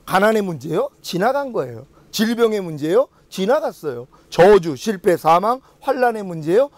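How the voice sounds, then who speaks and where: A man's voice: high voice, big pitch swings, moderate pace, no echo. A middle-aged man preaching a sermon as a pastor, acting out little dialogues with God and his listeners.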